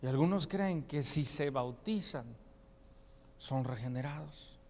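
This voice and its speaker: A pastor delivers an earnest sermon in a church sanctuary, often asking rhetorical questions. His fairly high voice is unhurried and a little mellow. The long reverb of the large hall rings around him.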